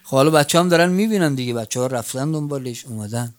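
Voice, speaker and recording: Preacher, swinging loud to hushed. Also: male voice, medium pitch. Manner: swings between loud cries and hushed near-whispers, tearful chant. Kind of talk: mourning sermon.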